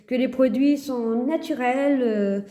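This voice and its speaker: A woman chatting casually to her phone camera in a vlog. Her voice sits a little high but sounds warm and mellow, and she stops often to search for words before she goes on. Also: takes it slowly. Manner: hesitant, many fillers and restarts. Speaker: vlogger.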